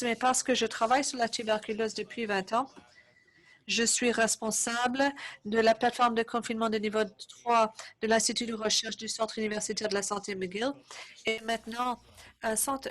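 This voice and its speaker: A woman's voice: a little high, fairly bright tone. A woman giving live interpretation of a lecture webinar, speaking steadily with hesitations and self-corrections.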